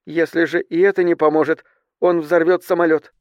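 A man voicing a young female flight attendant who reports in a hushed, tense way. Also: fairly high pitch, little pitch movement, a little fast, dry recording, studio quality, pitched above the performer's own voice, close to an everyday voice.

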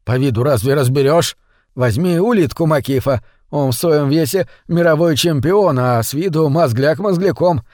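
A man's voice: fairly high pitch, normal speed, darkish tone, dry recording, studio quality, lightly acted. A man voicing a nervous bartender who talks in a fretful, pleading way. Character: nervous, gossipy male bartender.

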